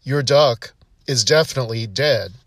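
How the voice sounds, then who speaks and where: A man voicing a patient, matter-of-fact veterinarian who apologises in a deadpan way. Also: mid-range voice, normal speed, no room sound, clean studio sound, close to an everyday voice. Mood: firm.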